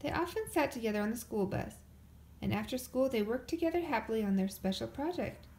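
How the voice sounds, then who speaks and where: A woman reads a children's picture book aloud in a slightly high, mellow voice. She tells the story gently and without hurry, drawing out her questions the way a storyteller does. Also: expressive, fairly quick, poor audio. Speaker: storybook reader.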